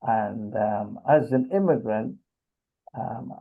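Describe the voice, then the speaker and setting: A middle-aged man from Trinidad, speaking haltingly in a casual discussion with many pauses and fillers. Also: fairly low pitch, gravelly. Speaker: discussion participant. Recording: tinny phone-like video call audio.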